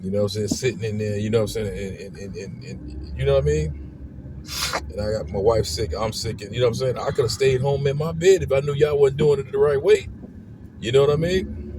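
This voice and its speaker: A man's voice: medium pitch, a little fast. A man who is unwell vents heatedly on a car ride home, repeating himself as he talks to his viewers. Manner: heated, repetitive, keeps asking "you know what I'm saying". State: unwell, congested. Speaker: family vlogger. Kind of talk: ranting car-ride vlog. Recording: car road noise behind the voice.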